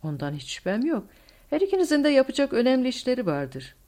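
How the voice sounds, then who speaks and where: A woman's voice: sits high, sing-song, fast talker, warm tone, voice pushed up. A woman voicing a weary older male wartime leader in an audiobook, formal and gracious.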